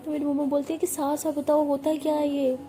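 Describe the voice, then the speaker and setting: A young woman telling a first-person love story, heartfelt and halting, with restarts. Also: sits high, little pitch movement, mellow. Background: faint music.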